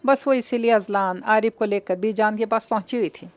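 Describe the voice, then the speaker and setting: A woman narrating a romance novel aloud with a steady storytelling delivery. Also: medium pitch.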